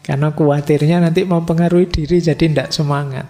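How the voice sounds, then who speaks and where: A middle-aged man, giving a relaxed, conversational philosophy lecture full of everyday examples. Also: a little high, fast talker. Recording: lecture hall reverb with faint music.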